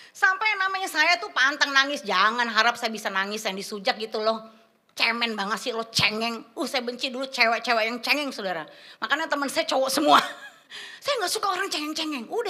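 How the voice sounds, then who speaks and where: High, bright woman preaching. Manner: animated, slangy, addresses congregation as "saudara". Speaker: guest preacher. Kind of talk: sermon with personal testimony. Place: church service before a congregation.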